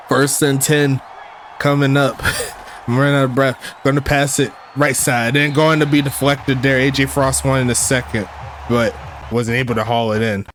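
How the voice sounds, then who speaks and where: A man doing play-by-play commentary for a simulated football game from the booth, casual and quick to get excited. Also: mid-range voice, slight background noise. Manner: excitable, breaks into shouts and laughs on big plays. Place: broadcast booth.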